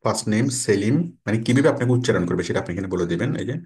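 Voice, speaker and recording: A man's voice: lowish voice, rapid-fire, darkish tone. A man teaching a screen-recorded tutorial, explaining step by step and reading out English menu labels. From Bangladesh. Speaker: online course instructor.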